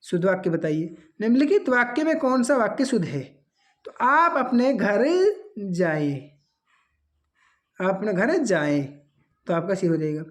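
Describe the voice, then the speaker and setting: A woman's voice: medium pitch, big pitch swings, measured pace. A woman teaching an exam-prep grammar lesson, reading out answer options and then correcting them.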